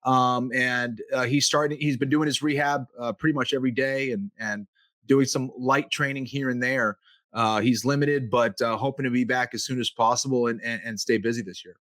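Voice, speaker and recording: A man co-hosting a sports podcast, talking in a loose, relaxed way with lots of "you know" fillers. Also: mid-range voice, moderate pace, dry recording, clean studio sound. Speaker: podcast co-host, fight analyst. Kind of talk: casual sports podcast chat.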